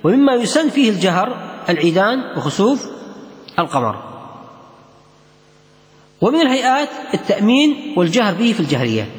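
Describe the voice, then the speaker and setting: High lively man teaching. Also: brisk, pauses often. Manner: repeats key phrases, counts along with students. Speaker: religious teacher. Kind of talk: explaining a religious text in a class. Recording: echoey hall with long reverb.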